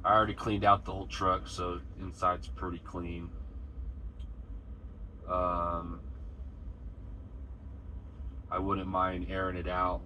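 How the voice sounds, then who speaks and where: With slight noise in the background, a low-voiced American man speaks unhurriedly while cooking in his truck cab at a truck stop. He's a truck driver doing a casual, rambling vlog chat straight to the camera.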